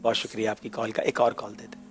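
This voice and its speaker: A man's voice: lowish voice, monotone, faint music behind. A man hosting a religious TV quiz show, politely explaining things step by step and addressing viewers directly.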